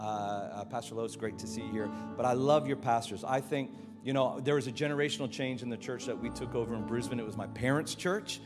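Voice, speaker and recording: A man from the Philippines with an American accent preaches as a guest pastor, giving a lively, joking sermon in a large hall. His voice is medium-pitched, and he often stumbles and repeats words.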